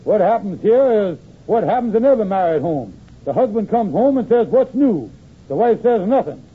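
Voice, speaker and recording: A man's voice: high-pitched, very animated, moderate pace, husky, full character voice. A man playing a blustering, scheming henpecked husband in an old-time AM radio comedy, speaking a folksy ungrammatical dialect. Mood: grumbling. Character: blustering, henpecked lodge-leader husband, scheming and easily cowed. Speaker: comic actor. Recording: tinny, noisy old AM radio recording.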